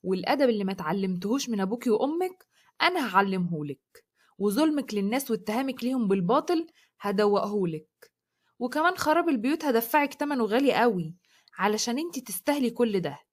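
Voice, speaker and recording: A woman's voice: a little high, lively intonation, fast talker. A woman reading a scornful, arrogant man in Egyptian Arabic. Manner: scornful, commanding. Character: arrogant cruel young man, domineering husband.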